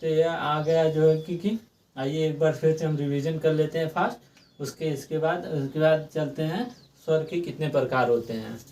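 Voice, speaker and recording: A young man teaching an exam-prep grammar class, repeating points and asking and answering his own questions, drawing out sounds slowly when he demonstrates them. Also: on the high side, steady tone, a little mellow, far from the mic.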